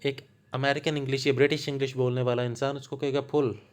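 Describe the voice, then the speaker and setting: A man with a Punjabi accent teaches in a calm, unhurried lecture voice at a mid-range pitch. He works through each idea with small examples and repeats key points patiently. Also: smooth. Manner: slow, patient, explains with examples. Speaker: literature lecturer. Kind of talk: explanatory lecture.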